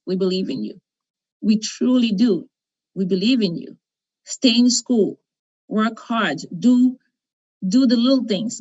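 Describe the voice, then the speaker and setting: A woman's voice: mid-range voice, mellow. A woman from Cameroon, not a native English speaker, giving an encouraging talk on a video call, often repeating herself and checking in with "okay?". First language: not English; French second language. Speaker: conference speaker. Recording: dull lo-fi video call audio.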